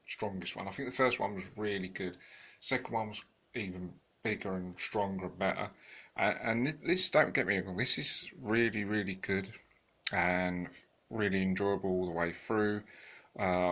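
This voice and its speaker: A man with a deep voice reviews a film in an unscripted, meandering way. He restarts his sentences and leans on fillers, and he sounds tired. His tone stays bright and pushy despite the low pitch. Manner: rambling, many fillers and restarts. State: tired, yawning. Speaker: home video reviewer.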